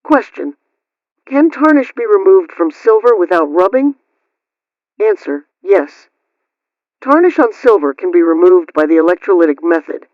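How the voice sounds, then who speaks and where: This radio host, a man with a high-pitched and very animated voice, reads scripted household advice at a moderate pace in a formal, instructional, carefully enunciated manner, question first and then the answer. There's no echo, and the recording sounds dull and lo-fi, radio-style.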